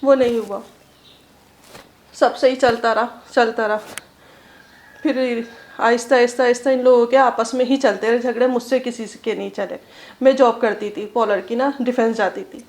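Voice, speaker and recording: High-voiced woman recounting. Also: fairly even intonation, moderate pace, darkish tone. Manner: earnest, detailed storytelling. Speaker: interviewee, homeowner. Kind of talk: personal account in an interview.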